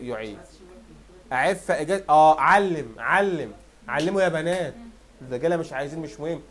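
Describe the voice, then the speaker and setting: Rapid-fire Egyptian man reviewing a lesson. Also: a little high. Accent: Egyptian Arabic. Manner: quizzes students, answers own questions. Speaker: Arabic teacher. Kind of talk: fast exam review lesson.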